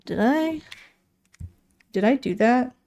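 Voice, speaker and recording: Reading game patch notes, a woman streamer chats casually, rambling and correcting herself as she thinks aloud. Her voice is on the high side and animated, with a dark tone, and she takes her time.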